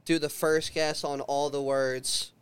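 Rambling man with a slightly high voice. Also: level tone, slow pace, clean tone, no room sound. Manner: loose and rambling, full of "like" and "dude". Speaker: podcast regular. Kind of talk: casual group chat.

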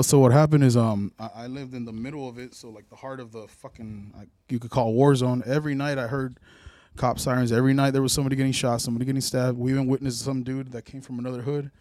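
A man's voice: mid-range voice, fairly even intonation, fast, hardly any pauses, a little mellow, no room sound. A young man telling stories casually in slangy, profanity-heavy street talk. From Anaheim, California. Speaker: rap crew member being interviewed. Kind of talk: casual storytelling.

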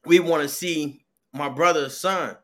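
A man co-hosting a casual podcast, retelling a story with lively quoted dialogue. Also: a little high, unhurried. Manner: animated storyteller acting out quotes. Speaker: podcast co-host. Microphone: remote call mic.

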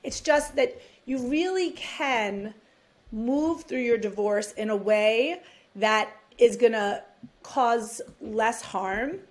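A woman's voice: a little high, slow. A woman with a New York accent, a divorce mediator talking in a rambling, chatty way on a podcast interview. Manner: chatty, rambling, self-deprecating laughs.

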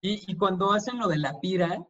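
A man with a Mexican accent talks through a film in loose, slangy, swear-heavy chat. His voice sits a bit high, and the recording sounds dull and lo-fi. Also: fairly quick, music in the background. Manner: relaxed, slangy, peppered with swearing. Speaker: podcast co-host. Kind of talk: casual film discussion.

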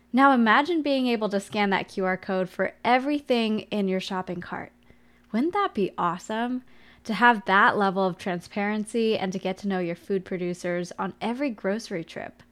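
Upbeat woman hosting a podcast. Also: medium pitch. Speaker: podcast host. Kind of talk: podcast intro and interview.

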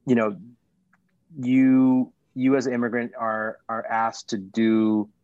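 A middle-aged man born in Sri Lanka, a startup founder talking as a podcast guest, pausing and restarting often. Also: medium pitch, level tone, darkish tone, no echo, muffled recording. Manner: halting, many restarts and fillers. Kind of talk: casual interview talk.

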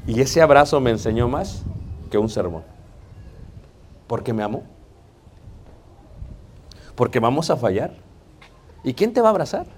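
A man with a Mexican Spanish accent preaching a sermon in a conversational, joking way, often calling out to the congregation. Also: mid-range voice. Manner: conversational, joking, keeps addressing the congregation as brothers.

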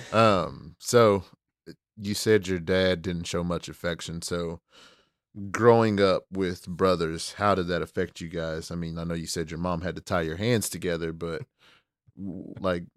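A man's voice: deep voice, fairly even intonation, a little slow, dry recording, studio quality. A man hosting a casual podcast interview, laid-back, with many short reactions and questions.

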